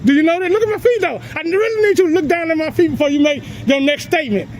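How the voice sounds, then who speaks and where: High-voiced mocking man filming on a sidewalk. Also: animated, fast talker, slight background noise, poor audio. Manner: mocking, taunting, laughs often. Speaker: citizen filming police. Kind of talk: confrontational street talk. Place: outdoor public sidewalk by a street. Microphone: handheld camera he is filming with.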